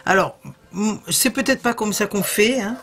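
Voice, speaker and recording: A woman's voice: mid-range voice, normal speed, fairly bright tone, faint music behind. A woman with a southern French accent giving a casual craft tutorial, chatty and hesitant, full of little fillers as she demonstrates. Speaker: crafting video host.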